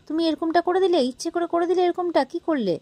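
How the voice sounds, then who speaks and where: A woman's voice: very high-pitched, fast, mellow, no room sound, voice pushed up. A woman voicing a petulant grown man who quarrels with his father in a whiny, accusing way.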